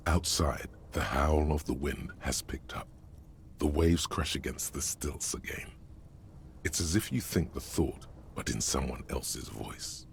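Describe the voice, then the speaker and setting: A gravelly, very deep game narrator. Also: male voice, a little hiss or hum, full character voice. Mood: solemn. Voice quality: gravelly, slow and measured. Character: brooding omniscient male narrator, gravelly, solemn. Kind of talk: dramatic video game narration.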